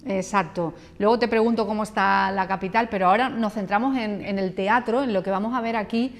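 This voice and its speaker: A woman's voice: mid-range voice, fairly even intonation, fairly quick. A woman presenter interviews a guest for local television in a mid-range voice. She asks her questions conversationally, with the odd filler. Her voice trails off into a long reverb.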